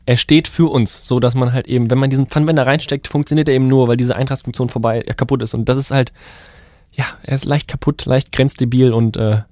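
A young man with a cold co-hosts a student radio podcast, chatting casually in a loose, rambling way full of fillers and restarts. His medium-pitched voice is steady, quick and a little mellow. The studio-quality recording has no room sound.

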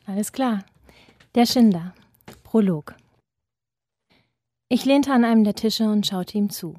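A woman author and guest, reading aloud from her thriller novel in an even, measured voice. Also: medium pitch, dry recording, studio quality.

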